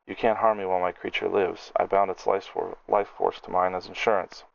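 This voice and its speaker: A man's voice: deep voice, level tone, fairly quick, vocal fry, lo-fi sound. A man voicing a cranky male gnome alchemist who rants and snaps in furious tirades. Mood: snappish, blustering.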